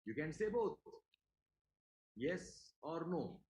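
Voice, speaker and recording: A man's voice: on the high side, big pitch swings, slow, a little mellow, reverberant, rough recording. A man with an Indian English accent teaching a class, emphatic, repeating his questions to the students. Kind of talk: classroom lecture.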